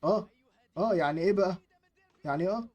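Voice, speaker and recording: A young gaming YouTuber with an Egyptian Arabic accent commentates live on his gameplay, excitedly chanting at the screen and muttering to calm himself down. His voice is high and his pace a bit fast.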